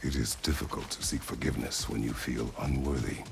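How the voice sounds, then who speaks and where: A man playing a stern, weary warrior in a video game, speaking tersely and gravely with a gravelly voice. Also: a bass voice, fairly even intonation, fairly quick, heavily acted. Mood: solemn, restrained. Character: stern, weary, solemn male warrior, a widower. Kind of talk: dramatic video game dialogue. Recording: game ambience noise behind dialogue.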